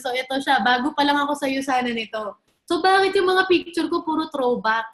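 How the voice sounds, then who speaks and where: A woman's voice: sits high, echoey room. A woman around thirty giving a chatty motivational talk about network marketing to a live audience, telling stories and asking the crowd questions. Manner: chatty storytelling, mixing in English, asks the crowd questions.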